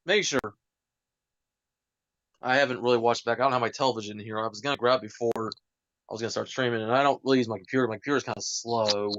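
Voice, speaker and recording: A man's voice: medium pitch, fairly even intonation, fast talker, pauses often, a bit bright, no echo, highs cut off. A man hosting a casual live stream chat, rambling with many fillers and self-corrections, talking into a wired headset. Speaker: livestream host.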